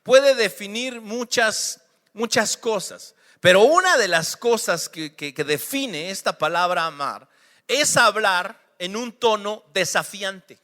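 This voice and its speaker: A man's voice: high voice, expressive, slow, sharp tone, in a large hall. A man with a Mexican accent, a pastor preaching a sermon with emphatic rhetorical questions.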